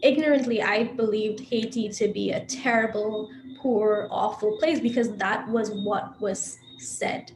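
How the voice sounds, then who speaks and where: A woman from the Caribbean moderates a panel discussion in an earnest, gracious manner. Her voice sits in an echoey room, with steady background noise on the recording. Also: medium pitch. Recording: roomy echo with background noise.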